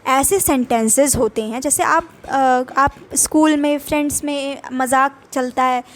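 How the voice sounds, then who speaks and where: A woman's voice: high voice, fairly even intonation, a little slow. A young woman teaching English vocabulary in a casual lesson, explaining patiently with restarts and repeats, and speaking English with an Indian accent. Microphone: voice-over, speaker not seen.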